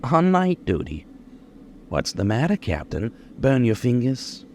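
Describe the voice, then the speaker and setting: In an old-time radio crime drama, an actor plays a cocky, bitter gunman confessing his life story, using menacing, slangy tough talk in a taunting, smug mood. His mid-range voice is a little mellow and unhurried, with huge pitch swings. There is a little hiss or hum.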